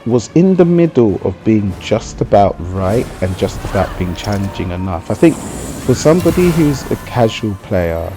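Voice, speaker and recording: With music under his voice, a man gives casual commentary for a gaming video, explaining things conversationally and often ending with "you know". He speaks at normal speed in a sing-song way, his voice on the low side.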